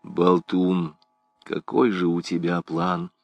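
A man voicing a stern, brooding older archdeacon in an audiobook, low, clipped and grim. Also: level tone, slow pace, gravelly, dry recording, heavily acted. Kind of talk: audiobook character reading.

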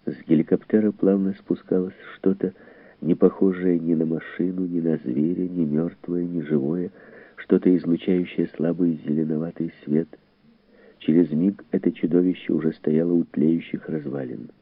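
A man reading a novel aloud in measured, dramatic scripted narration. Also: low voice, level tone, dry recording. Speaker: audiobook narrator. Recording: tinny phone-like dry recording.

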